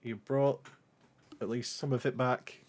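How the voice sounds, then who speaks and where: Slow-paced male game master. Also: mid-range voice, fairly even intonation. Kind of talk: casual tabletop game narration.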